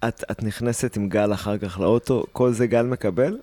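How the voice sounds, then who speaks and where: A man's voice: on the low side, warm tone, no room sound, soft background music. A man hosting a casual podcast chat, mostly reacting with short interjections.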